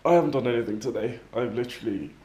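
A man in his twenties chatting casually to the camera at home, sounding tired and low-key, rambling with pauses. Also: dark tone. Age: 20s. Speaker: daily vlogger. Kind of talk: casual vlog chat to camera. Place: home kitchen-living room, indoors. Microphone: camera at arm's length.

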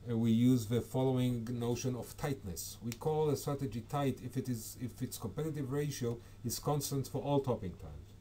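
Man presenting a technical conference talk, mellow, hesitant delivery with many "uh"s, faint background hiss. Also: medium pitch, moderate pace, few pauses. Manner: hesitant, frequent fillers and self-corrections. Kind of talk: academic talk over slides.

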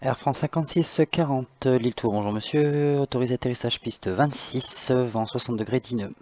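Male tower controller issuing radio clearances, average-pitched voice, slightly dull channel. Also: normal speed, darkish tone, no echo. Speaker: tower air traffic controller. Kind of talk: air traffic control radio phraseology.

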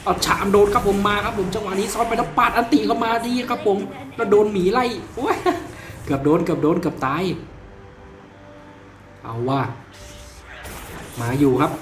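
A man with a slight cold giving excited voice-over commentary on his own gameplay, crying out in bursts and laughing often. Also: high-pitched, normal speed, long pauses, echoey room, slight background noise. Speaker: gamer and video creator.

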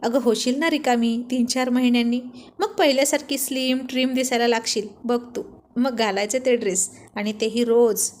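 A woman voicing a playful, teasing young husband in a storybook, joking and bantering in a fairly high voice. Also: fairly even intonation, moderate pace, darkish tone, natural voice.

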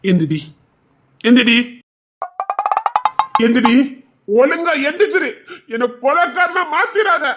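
A woman's voice: sits high, big pitch swings, a little slow, pauses often, over music. A woman voicing a young village man in love who sulks, pleads and puts on crying fits. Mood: exasperated. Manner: whiny, pleading, mock-crying. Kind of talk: village romance drama acting.

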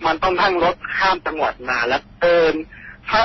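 A Thai man calling in to a radio show, telling a ghost story in a halting, earnest and polite way. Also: a little high. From Thailand. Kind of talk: phone-in storytelling. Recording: dull phone line with faint hiss.

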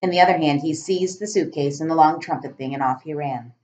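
In a small room at home next to the kitchen, a middle-aged teacher narrates a children's storybook deliberately and expressively in a low-pitched voice. Her laptop webcam, at arm's length, gives dull lo-fi sound with a little hiss or hum.

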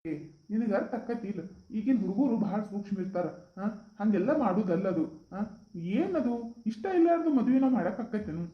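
A performer voicing a calm, kindly village father who sides with his daughter, in a North Karnataka Kannada accent. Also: mid-range voice, fairly quick, muffled recording, pitched below the performer's own voice, lightly acted. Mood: reasonable. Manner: soothing, reasonable. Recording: roomy echo.

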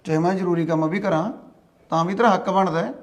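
A man playing a gruff middle-aged father who lectures his son about money. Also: high voice, fairly even intonation, fast talker. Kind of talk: short film acting.

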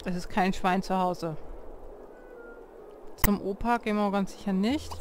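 A woman commentates her gameplay in a relaxed, unhurried way, chatting to the characters on screen and reading options aloud as she goes. Clear game music plays under her voice the whole time. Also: mid-range voice. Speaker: let's play host.

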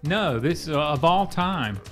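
A man's voice: fairly high pitch, expressive, takes it slowly, a bit bright, soft background music. A man co-hosting a podcast, chatting casually with dry, teasing quips. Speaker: podcast co-host. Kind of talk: casual chat.

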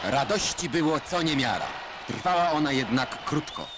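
A man's voice: on the high side, lively intonation, normal speed. A man giving wry, ironic voice-over narration for an old newsreel. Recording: noisy old film soundtrack.

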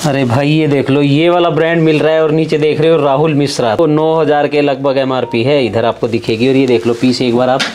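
A man's voice: mid-range voice, level tone, a little fast, few pauses, darkish tone. A male vlogger touring a clothing warehouse, upbeat and full of praise, asking the seller questions. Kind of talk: casual shop walkthrough.

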